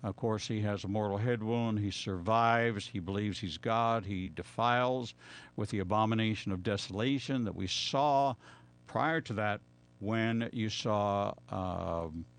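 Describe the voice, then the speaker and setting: A man with a fairly low voice teaches scripture on the radio as a rabbi. He speaks off the cuff, making firm declarations and repeating words for emphasis. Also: a little slow. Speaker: rabbi answering callers on radio. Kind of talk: extemporaneous biblical teaching.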